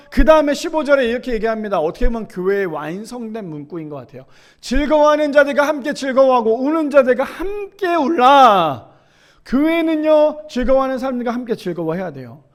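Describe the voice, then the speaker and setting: A man preaching a sermon at a church service in a fairly high voice. He reads scripture verses aloud between his remarks and keeps checking in with the congregation by asking them questions. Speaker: pastor.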